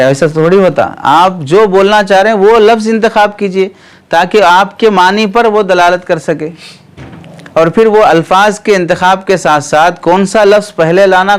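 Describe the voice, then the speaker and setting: A man teaching Arabic grammar, explaining step by step, asking students questions and often clearing his throat. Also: sits high. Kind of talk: classroom lecture.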